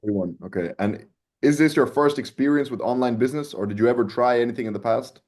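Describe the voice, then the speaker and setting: A man's voice: mid-range voice, quick pace, a little mellow. A man hosting a casual interview, talking in a loose, slangy way and calling his audience boys and lads. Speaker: host.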